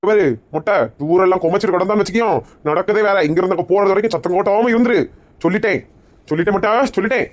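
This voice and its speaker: A woman with a Kanyakumari Tamil accent playing a bossy woman who organises a group tour and scolds quickly. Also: mid-range voice, close to an everyday voice. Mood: scolding. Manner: rapid-fire scolding.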